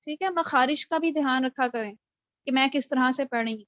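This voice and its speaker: A woman teaching an online recitation class, slowly drawing out each word and then explaining quickly, heard over a video call. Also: high voice, fairly bright tone, no room sound, muffled recording.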